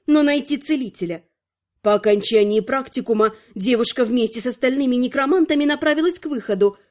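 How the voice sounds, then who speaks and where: A woman narrating a fantasy audiobook in an even, measured storytelling manner. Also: high voice.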